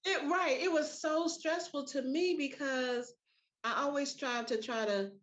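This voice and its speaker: A middle-aged woman hosting a casual podcast chat, telling stories with lively voiced quotes. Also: high-pitched, measured pace. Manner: animated storytelling with voiced quotes. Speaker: podcast host.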